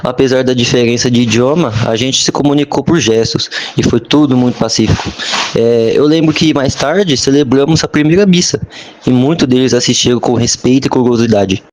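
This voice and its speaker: A young man playing an earnest Portuguese ship hand, remembering the voyage with a slightly halting delivery on a school podcast. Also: mid-range voice, a little mellow, lightly acted. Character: male Portuguese ship maintenance sailor, earnest. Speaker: interviewee. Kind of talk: school podcast role-play.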